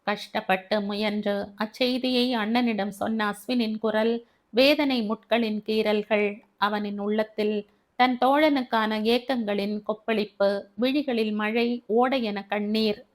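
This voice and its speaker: A woman narrating a family novel, reading in a slow, measured way. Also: mid-range voice, steady tone. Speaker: audiobook narrator.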